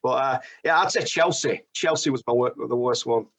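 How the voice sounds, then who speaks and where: A man's voice: mid-range voice, normal speed, fairly bright tone. A man from Rochdale telling football stories in a chatty way with northern slang. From England, Rochdale. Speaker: caller, football fan. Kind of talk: casual chat.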